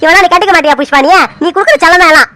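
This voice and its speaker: A woman's voice: very high voice, very fast, bright, forceful tone, dry recording. A woman doing a blustering hot-tempered father. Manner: blustering, snaps at his wife. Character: proud hot-tempered middle-aged father and husband.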